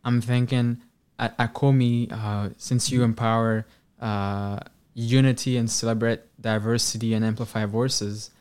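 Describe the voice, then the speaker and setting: Halting male radio host. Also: mid-range voice, little pitch movement, a little mellow, clear, resonant tone. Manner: halting, with fillers. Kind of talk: radio interview questions.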